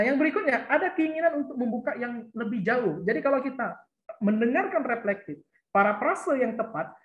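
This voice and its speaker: A woman with a fairly high voice teaches school counselors, explaining each point patiently and circling back to repeat it. Her talk is dotted with little tag words as she checks that the listeners follow. The recording sounds roomy and dull, like a lo-fi capture in an echoing space. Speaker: counseling lecturer.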